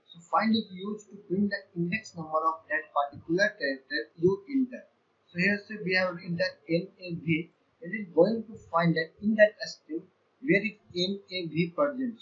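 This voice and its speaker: High-voiced man teaching code, lo-fi sound. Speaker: programming teacher. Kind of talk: screen-share coding lecture. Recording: dull lo-fi sound.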